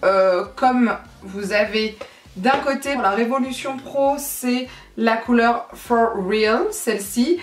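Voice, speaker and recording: A woman's voice: on the high side, takes it slowly. Chatty woman vlogger in an echoey room. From France. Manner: chatty, explains as she works, frequent fillers. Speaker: beauty vlogger. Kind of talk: casual makeup tutorial chat.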